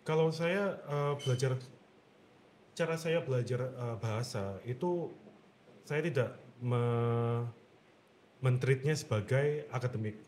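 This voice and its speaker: A man speaks as a guest voice actor in a relaxed conversation. He explains things calmly and steadily at a middle pitch. A faint background noise runs under his voice. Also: slow, pauses often. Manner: calm, explanatory. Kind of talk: casual chat.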